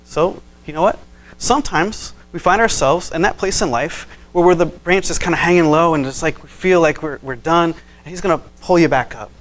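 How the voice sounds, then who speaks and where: A pastor with a fairly high voice preaches a conversational sermon at normal speed. He tells stories animatedly, acting out the people he quotes, with frequent fillers and restarts.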